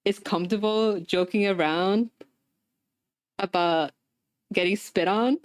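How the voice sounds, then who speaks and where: A young adult woman livestreams while assembling a craft, telling a story in a rambling, casual chat packed with fillers and frequent laughter. Her voice sits in the mid range and moves at a slow pace, recorded with studio quality and no echo.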